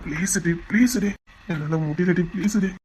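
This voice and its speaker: A man's voice: high-pitched, moderate pace, darkish tone, a little hiss or hum, lightly acted. A man acting a young male lover who begs and reassures. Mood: begging.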